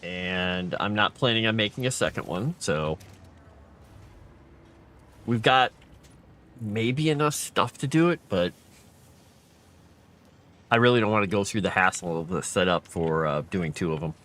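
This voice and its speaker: Late at night, a tired man streams a game, thinking aloud and talking with his viewers in casual commentary. His lowish, fairly bright voice is unhurried and pauses often.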